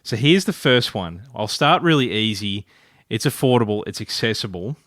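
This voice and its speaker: A man's voice: fairly low pitch, lively intonation, normal speed, fairly bright tone, dry recording, studio quality. A man from Ireland, hosting a podcast in a playful, rambling casual chat. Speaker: podcast host.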